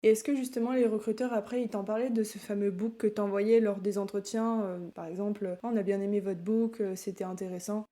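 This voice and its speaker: A woman hosting a podcast, asking relaxed, conversational questions. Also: medium pitch, a little fast, hardly any pauses. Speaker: podcast host. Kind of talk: casual interview.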